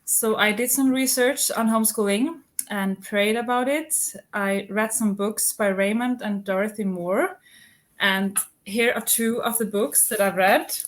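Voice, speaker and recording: A woman in her thirties from Iceland, a homeschooling mother answering interview questions in a measured, methodical way, point by point. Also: medium pitch. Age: 30s.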